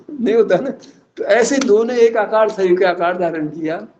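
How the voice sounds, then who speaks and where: A man's voice: high voice, normal speed, a little mellow. Male spiritual teacher, rhetorical and playful in discourse; muffled lo-fi recording with faint hiss. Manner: teasing, rhetorical questions, laughs at points. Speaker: religious teacher. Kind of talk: Jain philosophical discourse.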